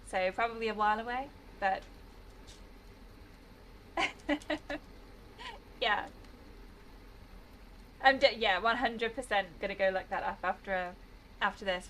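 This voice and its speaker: A woman's voice: mid-range voice, a bit bright, a little hiss or hum, rough recording. A British woman chatting casually while streaming a game, rambling and laughing often. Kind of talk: casual gameplay commentary.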